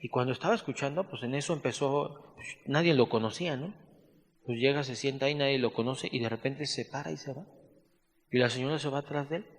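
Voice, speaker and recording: A man with a Mexican accent teaching a Bible study class, dictating notes slowly and adding casual asides. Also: medium pitch. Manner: slow, spelled-out dictation mixed with conversational asides. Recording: echoey hall reverb.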